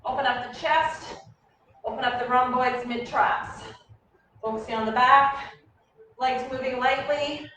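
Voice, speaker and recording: Female workout instructor, high-pitched, energetic and encouraging, clipped commands and countdowns, recorded off-mic in a very echoey room. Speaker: fitness coach leading a warm-up. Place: echoey indoor room, heard from a distance. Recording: very echoey room, distant mic, faint noise.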